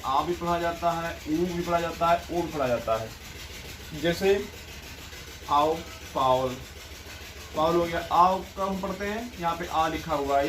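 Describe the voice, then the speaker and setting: Male teacher, fairly high voice, patient word-by-word pronunciation lesson, faint hiss behind. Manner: slow, repetitive, explains word by word. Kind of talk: classroom-style explanation over a board.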